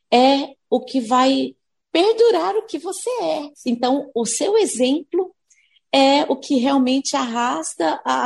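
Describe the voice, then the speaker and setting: Gravelly woman explaining patiently. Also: on the high side, darkish tone. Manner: explains patiently, acting out parents' and kids' words. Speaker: speech therapist guest. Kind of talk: podcast interview answers.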